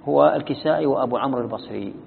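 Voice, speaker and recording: A man's voice: mid-range voice, very fast, creaky. A man teaching Quranic recitation rules, reading lines of a classical text and explaining each one in plain words. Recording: tinny phone-like sound in a reverberant hall.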